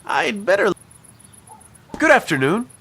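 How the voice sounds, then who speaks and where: A man's voice: high-pitched, very animated, takes it slowly, gravelly, sharp tone, husky, full character voice. A man voicing a wry young male detective in a game, full of dry, sarcastic asides. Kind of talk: game voice acting.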